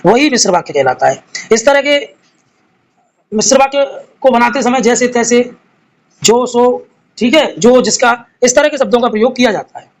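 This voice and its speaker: High-voiced man teaching grammar. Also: poor audio. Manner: reads each question and options aloud, then explains the answer; addresses students fondly as children. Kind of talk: live exam-prep class solving quiz questions.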